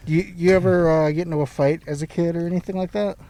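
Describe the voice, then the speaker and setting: A man's voice: a little high, steady tone, fast, mellow, rough recording. A man hosting a podcast, asking easygoing questions and laughing along in a casual chat inside a car. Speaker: podcast host.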